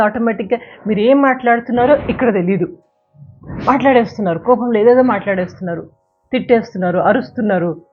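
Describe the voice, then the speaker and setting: A woman giving a motivational talk that counsels listeners directly and uses everyday examples. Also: fairly high pitch. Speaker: self-help speaker. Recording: tinny phone-like sound, faint music.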